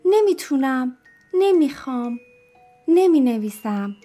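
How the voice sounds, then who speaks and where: A woman voicing a stubborn little girl in a storybook, who chants her loud, defiant refusals. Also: mid-range voice, fairly even intonation, breathy edge, soft background music, natural voice.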